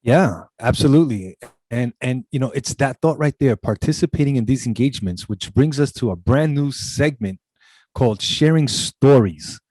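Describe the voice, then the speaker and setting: A man hosts a college talk show over a video call, introducing guests with earnest formality. His tone is warm and dark rather than bright. The sound is dry, with no room echo. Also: medium pitch, lively intonation, moderate pace. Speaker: show host.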